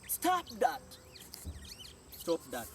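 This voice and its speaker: A Jamaican-accented man teaches a spoken language lesson, saying each phrase, translating it, and often repeating. His voice is a little high, with huge pitch swings and drawn-out words, picked up by a distant mic over faint outdoor noise.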